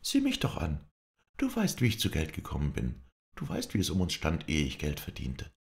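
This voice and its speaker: A man's voice: huge pitch swings, normal speed, gravelly, a little mellow. A man doing a proud, hurt young woman. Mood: defiant. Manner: high, pleading then defiant.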